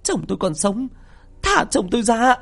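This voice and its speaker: A man's voice: very high voice, big pitch swings, moderate pace, vocal fry, a bit bright, faint music behind, pitched above the performer's own voice, exaggerated voice. A man voicing a frantic grieving old widow who wails and screams at a coffin. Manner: wailing, sobbing, screaming.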